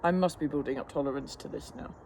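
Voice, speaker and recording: A man with a fairly high voice talks casually to camera while sitting in freezing water. He rambles along in a matter-of-fact, self-deprecating way, coping with the cold. There is clear background noise, as of an outdoor recording. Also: fast talker, a little mellow. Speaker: fitness instructor vlogger. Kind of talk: casual chat to camera during a cold plunge. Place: outdoors in an ice bath.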